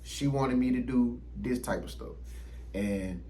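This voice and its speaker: A man in his thirties, host of his own YouTube channel, speaks unhurriedly in a warm, medium-pitched voice indoors under ring lights. The rough recording carries a little hiss or hum, and he chats casually to camera in a rambling, slangy, profane way laden with fillers.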